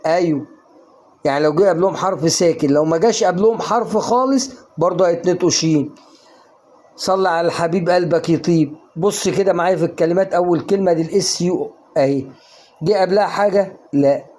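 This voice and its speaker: A man's voice: high-pitched, fast talker, darkish tone. An Egyptian man teaching English pronunciation in a casual online lesson, coaxing the viewer with questions he answers himself. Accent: Egyptian Arabic.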